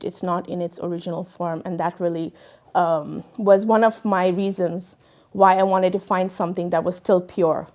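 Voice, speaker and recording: In a medium-pitched, darkish voice, an interviewee raised in Dubai shares her own story. The young woman speaks earnestly and thoughtfully, often using fillers and starting over mid-sentence.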